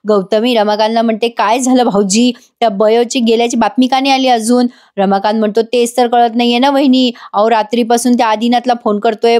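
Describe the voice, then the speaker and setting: A woman giving a chatty spoken recap of a serial episode, voicing each character herself with a Marathi accent. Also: a little high. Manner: lively, shifts into the characters' lines with mild emotion; chatty asides straight to the viewers.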